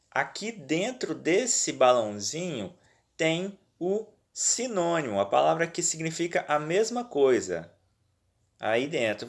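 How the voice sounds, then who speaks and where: A man's voice: on the high side, creaky. A male teacher with a Brazilian accent, explaining worksheet exercises to pupils in a patient, reassuring way and checking in often, recorded on a phone at home. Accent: Brazilian Portuguese. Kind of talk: remote lesson walking through worksheets.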